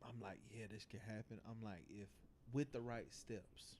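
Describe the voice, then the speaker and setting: This casual podcast discussion is hosted by a Southern man from South Carolina, United States, on a livestream talk show. He has a fairly low, darkish voice, keeping a steady tone at a moderate pace, while slangy talk, free swearing, and leading questions shape the conversation. Slight background noise can be heard.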